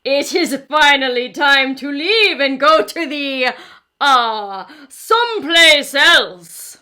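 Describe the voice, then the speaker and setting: A woman voicing a big, scheming papa dinosaur in a loud, booming storybook voice. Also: lively intonation, takes it slowly, exaggerated voice. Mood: loud, feigned casual.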